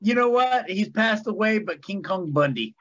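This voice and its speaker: A man's voice: sits high, lively intonation, normal speed, a bit bright, muffled recording. A man in his fifties, an author guest, telling stories in a folksy, easygoing way with hesitant fillers. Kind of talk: casual interview chat.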